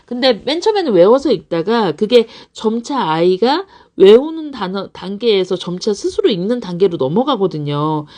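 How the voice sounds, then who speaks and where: Lady hosting a live stream for parents, chatty and animated, pitch bouncing all over, laughs a lot. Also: normal speed, few pauses. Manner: animated, laughs often, acts out examples. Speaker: English academy director hosting a live stream. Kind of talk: live-stream talk answering parents' questions.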